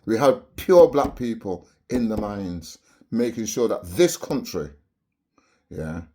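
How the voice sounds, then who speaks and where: A Barbadian vlogger with a lowish, warm voice delivers an impassioned, preachy monologue to camera. He punctuates his points with rhetorical "yeah?" tags.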